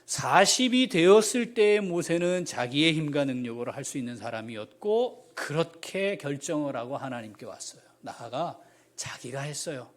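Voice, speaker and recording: A man, the pastor, preaching a sermon with animated delivery, jumping from loud exclamations to quiet asides and questioning the congregation. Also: a little high, normal speed.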